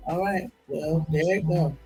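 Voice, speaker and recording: A woman's voice: low voice, measured pace, soft background music, poor audio. A woman hosting a crafting livestream, chatting casually and talking to her viewers as she works. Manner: relaxed, chatty, talks to viewers. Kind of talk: casual chat while crafting.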